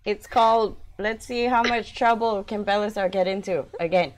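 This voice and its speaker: A woman's voice: mid-range voice, moderate pace, poor audio. A woman playing a tabletop role-playing game, chatting and bantering casually.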